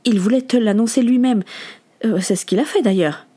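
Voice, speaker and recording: A woman reading aloud, voicing a gentle aunt who speaks softly and coaxingly. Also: on the high side, a little fast, close to an everyday voice. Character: gentle caring aunt, middle-aged woman.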